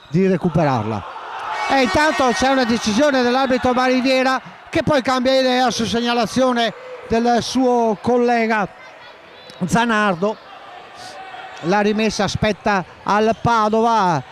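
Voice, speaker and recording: A man doing live play-by-play commentary of a futsal match, excitable and often shouting as the action builds. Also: sits high, a little hiss or hum. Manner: excitable, shouts at key moments, names players rapidly.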